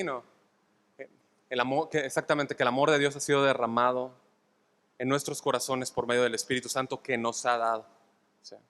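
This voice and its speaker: Long hall reverb surrounds a pastor in a church sanctuary whose fairly bright voice leans high. Speaking with a Mexican Spanish accent, he gives an expository sermon, regularly checking in with the congregation and restating points for emphasis.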